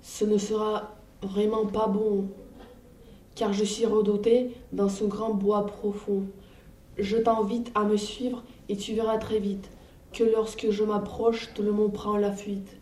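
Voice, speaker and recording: A woman's voice: mid-range voice, little pitch movement, slow, dark tone, close to an everyday voice. A woman voicing a small, clever, bold mouse who tricks others in a storybook reading. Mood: sly. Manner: cunning, confident, teasing. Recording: roomy, distant, faint noise.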